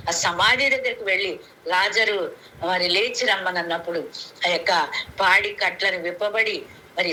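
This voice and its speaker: Speaking with a sharp tone on the low side, this woman from Andhra Pradesh, India, delivers an earnest sermon retelling scripture to a prayer meeting, repeating phrases for emphasis. A lay preacher, she comes through a conference call phone on a noisy recording.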